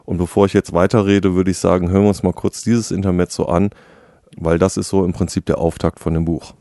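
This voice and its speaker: A man's voice: low voice, flat delivery, a little fast, mellow. A man reviewing a fantasy novel in a casual chat. He often stops with hesitant fillers. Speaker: book reviewer. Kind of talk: casual book discussion.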